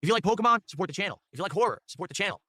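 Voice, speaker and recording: Very fast and animated, this streamer's voice is pushed and bright, with no echo at all. He keeps the chat casual while energetically hyping viewers to support him with tips.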